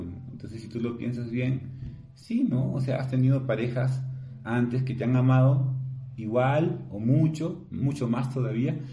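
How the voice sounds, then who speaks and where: Peruvian guy, psychologist doing a chatty video column, warm dark voice, roomy echo. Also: medium pitch. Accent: Peruvian Spanish. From Peru. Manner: conversational, ends phrases with a questioning tag. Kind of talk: opinion video column monologue.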